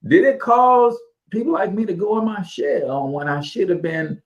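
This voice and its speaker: A man in his forties hosting a casual podcast, telling animated, folksy stories that lean on church sayings. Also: high voice, moderate pace, dull audio. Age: 40s. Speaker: podcast host.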